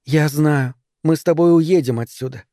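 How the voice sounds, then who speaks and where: A man voicing a quiet, devoted young girl who speaks in a flat, colourless voice. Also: deep voice, normal speed, dry recording, studio quality, lightly acted.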